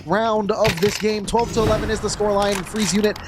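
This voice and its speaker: A man with a high voice calls a live esports match play-by-play, firing off the action and breaking into shouts at the big moments. A clear hum of background noise sits under his voice throughout. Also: level tone. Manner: rapid play-by-play, rising to shouts at big plays. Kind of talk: live game commentary.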